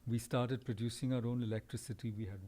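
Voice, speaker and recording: Male podcast host, mellow timbre, reflective and discursive, gently challenging. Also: mid-range voice, fairly even intonation, fast talker. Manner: discursive, thoughtful, pushes back gently. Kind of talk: reflective conversation.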